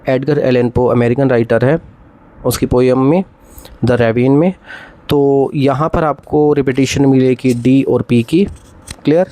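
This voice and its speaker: A man teaching English literature, explaining poetic devices step by step, reading poem lines aloud slowly and often checking that students follow. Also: medium pitch, mellow, dry recording. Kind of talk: classroom lecture on poetic devices.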